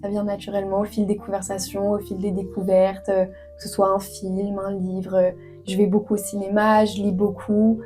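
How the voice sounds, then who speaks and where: This author guest, a woman from France in her twenties, responds to interview questions sincerely, often hesitating and using fillers. She speaks at normal speed in a medium-pitched, mellow monotone while faint music plays behind her.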